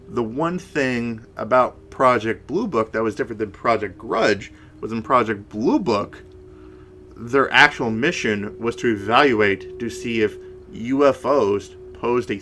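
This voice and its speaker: A man co-hosting a conversational paranormal case discussion, speaking in a halting way and repeating words. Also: mid-range voice, a bit bright. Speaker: podcast co-host.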